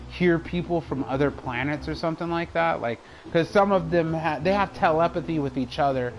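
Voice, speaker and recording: A man's voice: medium pitch, low-quality recording. A young man streaming a game, chatting in a rambling, casual way and laughing often. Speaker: live streamer. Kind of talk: casual chat while gaming.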